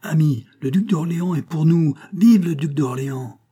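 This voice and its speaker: A man voicing a hot-tempered farmer who rouses a crowd with loud, commanding shouts. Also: mid-range voice, animated, moderate pace, husky, voice pushed up. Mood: rousing.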